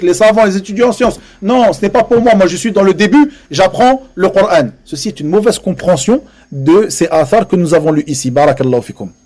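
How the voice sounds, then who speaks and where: This man's voice sits high and carries a slightly mellow quality. He teaches a religious lesson in French to a live audience, earnest and emphatic, returning to key phrases and slipping Arabic religious terms into his speech.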